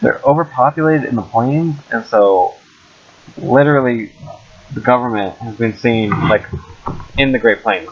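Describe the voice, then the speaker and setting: A man's voice: mid-range voice, unhurried. A young American man co-hosting a podcast in casual group chat. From Wyoming, USA. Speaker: podcast co-host. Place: outdoors in a park. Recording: dull lo-fi amateur recording.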